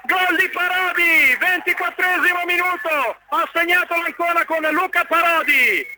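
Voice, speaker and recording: A male football radio commentator, calling goals live with excited urgency and drawn-out repeated words. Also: very high voice, low-quality recording.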